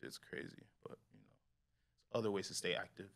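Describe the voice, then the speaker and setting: Laid-back young man with a bright voice. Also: low-pitched, lively intonation, moderate pace, vocal fry. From New York. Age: 20s. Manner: laid-back, slangy, trails off quietly. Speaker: rapper guest. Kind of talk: casual interview chat.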